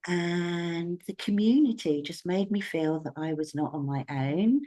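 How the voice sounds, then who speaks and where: Woman, 60s, therapist telling her own story, unhurried delivery, lowish voice, expressive. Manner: warm storytelling, expressive swings in pitch. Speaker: abdominal therapist and educator. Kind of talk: conversational interview.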